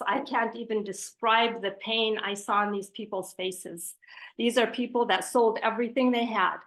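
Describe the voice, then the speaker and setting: On a panel, a woman representing a charity gives a prepared presentation with asides, speaking earnestly and emphatically. Her voice is medium-pitched with a fairly bright tone. The recording quality is low.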